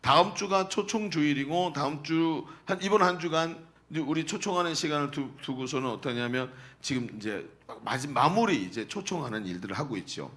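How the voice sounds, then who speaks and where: A man's voice: a little high, expressive, a little fast, hardly any pauses, a bit bright. A middle-aged male pastor who reads scripture aloud and then preaches in a chatty way, asking the congregation questions. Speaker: senior pastor. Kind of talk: sermon.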